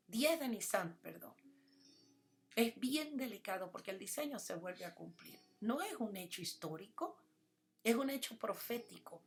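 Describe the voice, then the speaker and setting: A woman giving a sermon, calling her listeners her children, her voice swelling loud and then dropping almost to a whisper. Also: mid-range voice. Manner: earnest preaching, swells loud then drops to a near whisper. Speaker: preacher. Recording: soft music bed under the voice.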